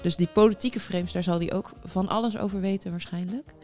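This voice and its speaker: A woman's voice: mid-range voice, fairly even intonation, brisk, darkish tone, faint music behind. A woman hosting a casual talk show, engaged and agreeing often with her co-host. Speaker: podcast host. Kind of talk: casual discussion.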